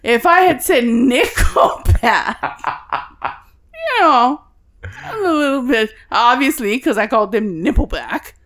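A woman's voice: on the high side, sing-song, slow, a bit bright. A young adult woman co-hosting a podcast, telling stories while laughing often and swearing casually. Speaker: podcast co-host. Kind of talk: casual chat.

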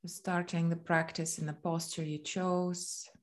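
In a gentle, calming manner, a woman guides a body scan meditation, pausing at length between phrases. Her voice is on the low side and stays level.

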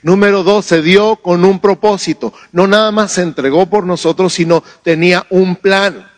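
Pastor preaching in a conversational way. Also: male voice, sits high, fairly even intonation, moderate pace, no room sound. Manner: conversational, asks the congregation questions. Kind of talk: sermon.

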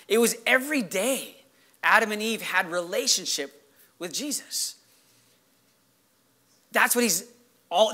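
A man preaching as a pastor in a conversational, emphatic way, his voice hoarse and giving out. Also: high voice, bright, forceful tone. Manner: conversational, emphatic, checks in with "right?". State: hoarse, losing his voice after yelling. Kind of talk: sermon to a congregation.

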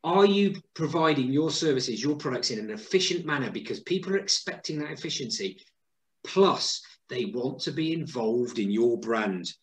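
A man's voice: medium pitch, expressive, moderate pace. Chatty man in a roomy space. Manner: chatty, upbeat, rhetorical tag questions. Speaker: podcast co-host. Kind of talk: casual business chat. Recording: roomy echo.

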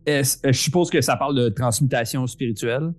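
A man's voice: mid-range voice, a little fast. A man with a Québécois French accent, playing a tabletop game and reacting with eager, slangy interjections. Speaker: player. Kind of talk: casual tabletop game play.

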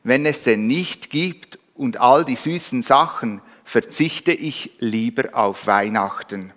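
A man's voice: medium pitch, slow pace, a bit bright. A man voicing a bear who grumbles about wanting his Christmas cake, in a reverberant hall. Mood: grumbling. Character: grumbling bear craving sweets.

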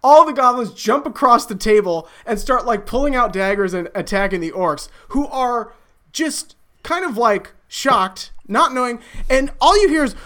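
A woman's voice: on the high side, expressive, measured pace, fairly bright tone. A woman narrating a tabletop game as game master, often breaking into laughter.

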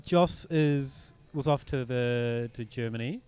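A man's voice: mid-range voice, takes it slowly, smooth, soft background music. Chatty New Zealand man hosting a podcast. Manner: relaxed, chatty, frequent ums and restarts. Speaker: podcast host. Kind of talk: casual chat about beer news.

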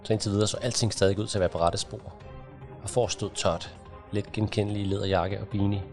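A man reading an audiobook in a measured, even narration. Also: lowish voice, over music. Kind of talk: scripted narration.

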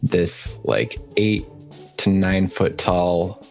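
A man's voice: sits low, fairly even intonation, extremely slow, creaky, a little mellow, soft background music. A man running a tabletop role-playing game, narrating scenes loosely with fillers. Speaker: game master.

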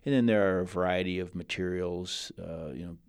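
Deep, creaky-voiced man, formal interview guest. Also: steady tone, brisk, dry recording, clean studio sound. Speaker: interview guest, general manager. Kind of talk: explanatory interview talk.

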